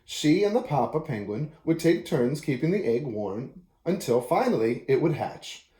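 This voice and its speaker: An expressive storyteller, this man reads a children's picture book at a moderate pace in a warm, mellow, fairly high voice. The echoey room gives the recording a noticeable reverberation.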